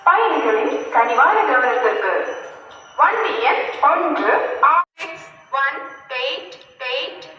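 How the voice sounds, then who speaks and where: A woman making a formal railway station announcement over a loudspeaker, reading train numbers and stops in a measured, evenly spaced way. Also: sits high, very animated, faint music behind. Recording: distant echoey loudspeaker in a station, dull lo-fi, faint noise.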